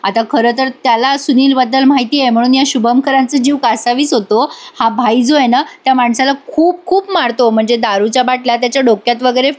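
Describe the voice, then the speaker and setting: A woman's voice: high voice, brisk, few pauses. A woman narrating a chatty storytelling recap of a TV serial and speaking straight to her viewers. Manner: chatty retelling that addresses the viewers directly.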